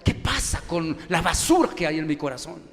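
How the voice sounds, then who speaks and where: Colombian man, pastor, fairly high-pitched, preaching in a ringing church hall with rhetorical questions and swells of volume. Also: big pitch swings, normal speed. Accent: Colombian Spanish. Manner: emphatic preaching with many rhetorical questions, loudness rising and falling. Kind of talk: sermon. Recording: long church hall reverb.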